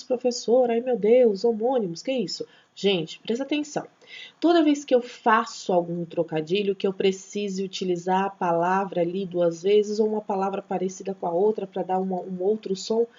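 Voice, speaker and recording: A woman's voice: medium pitch, darkish tone, slightly rough. A woman teaching a grammar lesson, chatty and checking in with her students often, sometimes stumbling over and restarting words. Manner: chatty, checks in with tag questions. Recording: slightly dull lo-fi recording.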